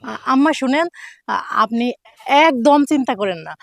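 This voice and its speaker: An actress playing a reassuring but defensive young daughter-in-law in a family drama, talking in an insistent, conversational way. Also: female voice, sits high, expressive, moderate pace, vocal fry, no room sound, clean studio sound. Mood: soothing. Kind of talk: Bengali family TV drama acting.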